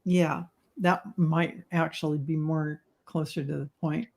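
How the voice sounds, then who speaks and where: A woman's voice: low voice, steady tone, unhurried, darkish tone. A woman hosting a casual livestream chat, enthusiastic, often agreeing and reading viewer comments aloud. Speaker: host.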